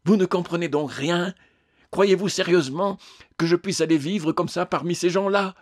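A man's voice: sits high, moderate pace, dry recording, clean studio sound, voice pushed up. A man voicing an anxious, self-pitying woman ghost who pleads and protests in an agitated way. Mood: anguished. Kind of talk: audiobook character voice.

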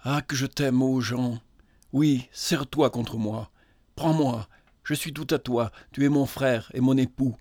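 Timid pious young woman read by a man, hushed earnest tone, storybook reading, dry sound. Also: mid-range voice, fairly even intonation, measured pace, no room sound, close to an everyday voice. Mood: loving.

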